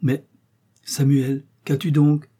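A man voicing a bossy, domineering middle-aged wife who fires off sharp, impatient questions. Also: mid-range voice, flat delivery, slow pace, slightly rough, voice pushed up.

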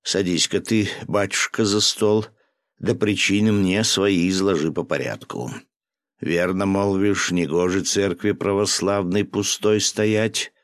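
A hard-drinking provincial governor barks and scolds in a gruff storybook voice, as a male reader plays him. The voice is very deep and commanding. It sounds close and dry, with no room around it. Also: steady tone, a little slow, no echo.

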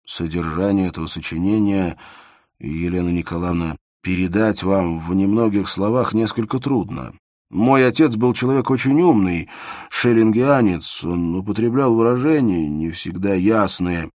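A shy young scholar in a storybook reading, played by a male reader, earnest and slow with a soft lisp. His voice is lowish, lively in pitch and dry. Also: no room sound, natural voice.

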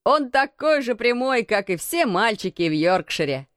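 A woman's voice: on the high side, big pitch swings, normal speed, fairly bright tone, dry recording, clean studio sound, pitched above the performer's own voice. A woman voicing a cheerful Yorkshire country boy who exclaims eagerly.

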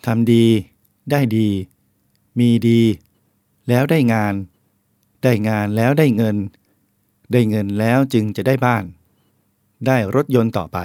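A man's voice: medium pitch, a little mellow, dry recording, clean studio sound. A man, a Buddhist monk, reading a book of essays aloud in a plain, explanatory way and speaking directly to the listeners.

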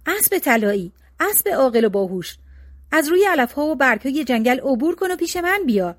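A woman's voice: sits high, sing-song, no room sound, clean studio sound. A woman reading as a meek young peasant hero. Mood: pleading. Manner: pleading, calling out.

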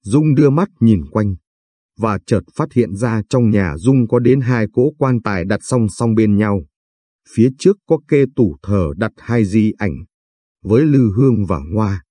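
Male storyteller, somber, dark mellow voice, husky, dry close sound. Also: on the low side, lively intonation, unhurried, no room sound. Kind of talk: scripted story narration.

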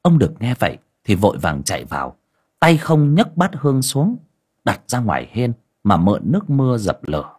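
A man narrating an audiobook story in an expressive storytelling manner. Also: medium pitch, normal speed, breathy edge.

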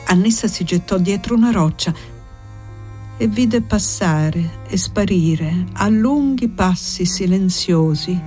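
A woman narrating a classic novel as an audiobook, reading in a measured, expressive way. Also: fairly low pitch. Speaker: audiobook reader.

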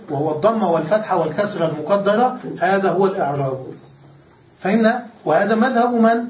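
A man teaching a grammar lesson in a classroom style, asking questions and answering them himself. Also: high-pitched. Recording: echoey, distant, dull lecture recording with faint hiss.

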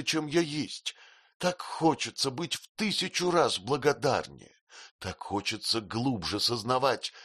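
A man's voice: mid-range voice, fairly bright tone, voice pushed up. A man reading an audiobook voices a tearful, childlike young woman who sobs and pleads. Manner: sobbing, pleading.

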